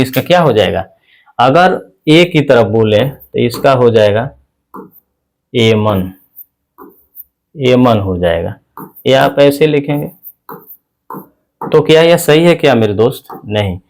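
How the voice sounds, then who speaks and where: A man teaching a lesson, explaining letter by letter and asking rhetorical questions. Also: mid-range voice. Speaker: English teacher. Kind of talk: classroom-style spoken lesson.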